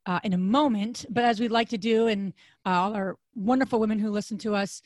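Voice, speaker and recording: A woman co-hosting a podcast in a casual chat, her voice raspy and hoarse, with a chatty manner full of restarts. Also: fairly even intonation, fairly quick, no room sound. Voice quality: raspy, deep voice. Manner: chatty, frequent restarts and fillers. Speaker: podcast co-host.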